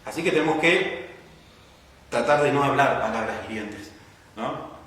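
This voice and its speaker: A man's voice: mid-range voice, measured pace, a bit bright, slight background noise. A man with an Argentine accent preaching a sermon, teaching patiently and checking in with the congregation with frequent "¿no?" questions. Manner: teacherly, asks the congregation questions and tags lines with "¿no?". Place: church hall. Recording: echoey church hall from a distance.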